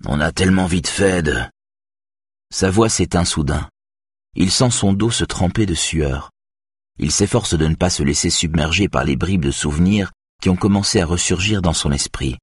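A man narrating an audiobook in a measured, even way. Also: sits low, breathy edge, no room sound. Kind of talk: scripted narration.

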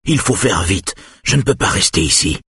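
A man's voice: low-pitched, animated, normal speed, a bit bright, slightly rough, no room sound, exaggerated voice. A man reading an audiobook, voicing a stubborn, injured father in his sixties who gives curt commands.

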